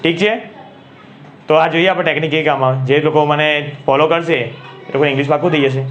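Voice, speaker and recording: Man, Gujarati accent, slightly raised pitch, classroom lecture, asks and repeats, faint background noise. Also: steady tone, fairly quick, lo-fi sound. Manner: asks the class questions and repeats key words. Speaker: English grammar teacher.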